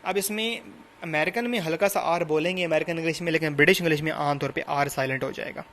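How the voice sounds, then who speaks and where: A man's voice: fairly high pitch, fast, fairly bright tone, slight background noise. A man lecturing on a novel, patiently explaining English words by listing translations and synonyms, repeating and rephrasing each point. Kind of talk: recorded classroom lecture.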